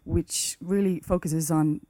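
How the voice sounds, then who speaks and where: A woman's voice: fairly low pitch, steady tone, slow, warm tone, no echo. A woman with a west of Ireland accent speaking up from the floor at a conference in a nervous, hesitant manner. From Galway, west of Ireland. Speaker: arts facilitator and teacher.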